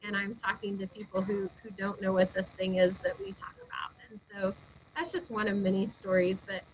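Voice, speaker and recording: A woman's voice: medium pitch, fairly quick, slight background noise, low-quality recording. A woman pastor telling heartfelt personal stories in an interview, earnest and speaking with frequent fillers. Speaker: lead pastor. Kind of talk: personal storytelling in a webinar interview.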